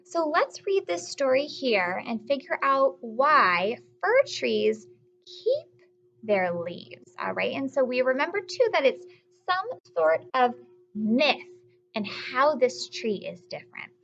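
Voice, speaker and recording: A woman teaches small children by reading aloud, her high voice very expressive and touched with vocal fry. She goes slowly, keeps things simple, asks check-in questions, and elongates key words like a storyteller. The lo-fi recording is somewhat dull, with a slight hiss or hum.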